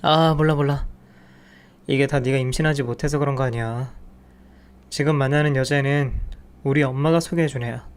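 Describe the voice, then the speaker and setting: A man's voice: medium pitch, steady tone, brisk, pauses often, clean tone, close to an everyday voice. A man voicing a cold, contemptuous husband who insults and dismisses his wife. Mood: scornful. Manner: scornful, dismissive.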